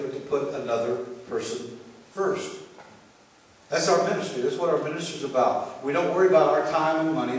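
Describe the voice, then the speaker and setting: A man's voice: mid-range voice, slight background noise. An older man, a pastor, giving a storytelling sermon in a conversational way, often restarting his phrases. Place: church sanctuary. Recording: echoey church from far off.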